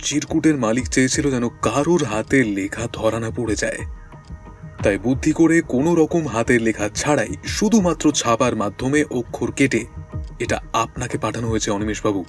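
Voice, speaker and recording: A man voices a calm, sharp detective in an audio drama who asks steady, pointed questions. His voice sits at a middle pitch, and faint music plays underneath. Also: lightly acted. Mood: analytical. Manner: measured, probing questions. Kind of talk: Bengali audio drama acting.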